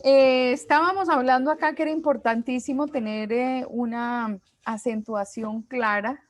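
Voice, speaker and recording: Profesora colombiana paciente, voz algo aguda y seca. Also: female voice, sits high, steady tone, no echo. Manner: patient, explains slowly, many fillers. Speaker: teacher. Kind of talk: online class lecture.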